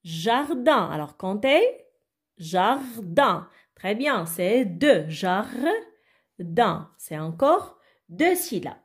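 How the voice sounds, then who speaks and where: A woman teaching young children to read, speaking slowly and repeating each word with care. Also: medium pitch, big pitch swings, husky. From Arabic-speaking country. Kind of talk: reading lesson for young children.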